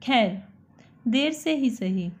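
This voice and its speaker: A woman's voice: a little high, lively intonation, takes it slowly, breathy edge, full character voice. A woman doing a stern scheming house master. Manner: stern, hard-edged voice. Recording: dull lo-fi recording.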